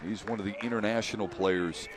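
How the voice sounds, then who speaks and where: A man announcing a live football game play-by-play, measured between plays and rising to excited calls on the big ones. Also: on the low side, a crowd in the background.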